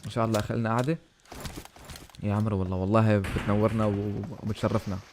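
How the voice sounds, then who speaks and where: A man commentating his own game on a live stream, excitable, shouting at big plays and thanking donors warmly. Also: fairly low pitch, very fast, noisy background. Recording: game gunfire and music behind.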